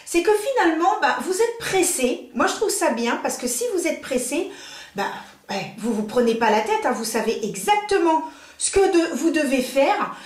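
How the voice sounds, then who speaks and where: Chatty high-voiced woman in echoey salon. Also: very animated, normal speed. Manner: chatty, gushing, many fillers. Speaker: beauty vlogger. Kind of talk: casual makeup tutorial chat. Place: beauty salon indoors.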